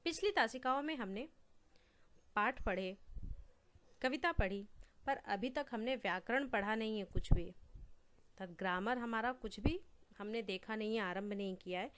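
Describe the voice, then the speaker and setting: A woman teacher giving an online Hindi grammar lesson to her students, explaining slowly and repeating her examples. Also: on the high side, slight background noise.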